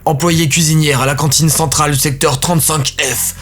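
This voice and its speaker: A man's voice: a little high, steady tone, fairly quick, a bit bright, faint music behind, pitched above the performer's own voice. A man playing a stern armored male enforcer reading out charges in a cold, official manner. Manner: cold, bureaucratic recitation.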